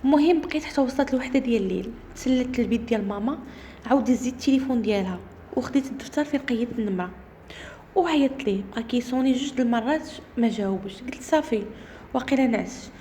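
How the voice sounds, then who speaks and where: A woman with a Moroccan Arabic accent tells a first-person horror story at a rapid clip. Her voice sits high, yet its tone is soft and mellow rather than bright. She keeps the telling brisk and suspenseful. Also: a little hiss or hum.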